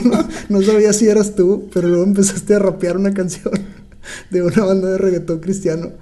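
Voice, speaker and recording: A man, co-hosting a podcast and telling stories in an animated way, laughing often. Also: high-pitched, brisk, slight background noise. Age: 20s. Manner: animated storyteller, laughs often, many fillers. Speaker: podcast co-host. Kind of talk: casual podcast conversation.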